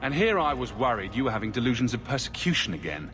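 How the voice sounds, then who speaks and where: A man's voice: mid-range voice, big pitch swings, fast talker, fairly bright tone, faint music behind. A man playing a wry, self-assured adventurer in a video game, with a dry, sarcastic delivery.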